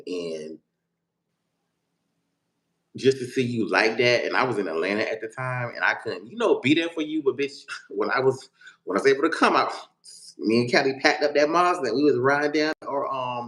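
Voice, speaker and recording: A man hosting a casual chat, talking in an expressive, slangy way. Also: medium pitch, normal speed. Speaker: host.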